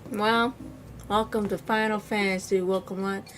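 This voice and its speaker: A woman's voice: medium pitch, fairly even intonation, moderate pace, faint music behind. Chatty young woman game streamer. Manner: chatty, laughing asides. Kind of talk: playthrough commentary and reading dialogue.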